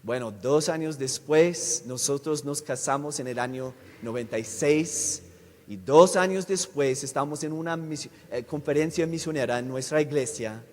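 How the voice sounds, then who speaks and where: A man's voice: fairly high pitch, darkish tone. Man preaching in an echoing church. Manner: keeps checking with the audience, asking "right?"; halting, restarts his words often. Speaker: visiting missionary speaker. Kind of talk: sermon testimony. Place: church sanctuary. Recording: long echo of a large church hall.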